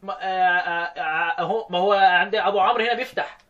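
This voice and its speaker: A man's voice: sits high, steady tone, sharp tone, highs cut off. A man with an Egyptian Arabic accent teaching Quran readings, quizzing his student and repeating each answer. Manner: quizzing, repeats answers, drills phrases slowly. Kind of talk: teaching the variant readings with call and response.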